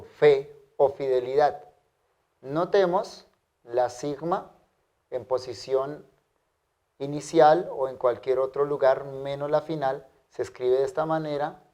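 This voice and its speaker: A man teaching a language lesson, modeling pronunciation carefully and repeating words slowly for his students. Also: mid-range voice, warm tone. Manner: careful, drawn-out pronunciation drills. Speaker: Greek teacher. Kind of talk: slow, deliberate language lesson.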